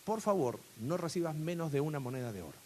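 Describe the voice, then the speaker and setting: Preacher doing an unhurried wise old man, instructing calmly. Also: fairly high pitch, a little hiss or hum. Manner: calm, instructing. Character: calm old male sage, unhurried.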